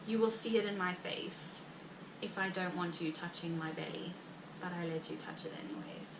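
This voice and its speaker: Heavily pregnant and from South Africa, this Afrikaans-accented vlogger chats loosely to viewers in a rambling way, full of fillers and little laughs. Her voice sits on the low side, picked up by a distant mic in a roomy space with background noise.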